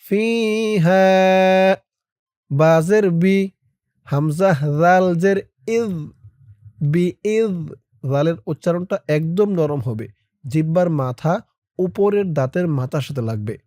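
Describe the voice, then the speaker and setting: A man teaching Quran reading in Bengali style, spelling each syllable slowly and then chanting the words drawn out. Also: on the high side, expressive, dark tone, no room sound, clean studio sound. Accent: Bangladeshi Bengali. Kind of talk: letter-by-letter Quran reading lesson.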